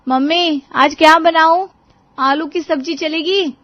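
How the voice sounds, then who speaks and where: A woman's voice: high voice, normal speed, dull audio, voice pushed up, close to an everyday voice. A woman voicing a playful, outspoken young daughter-in-law who talks teasingly. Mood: calling out. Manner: teasing, lively.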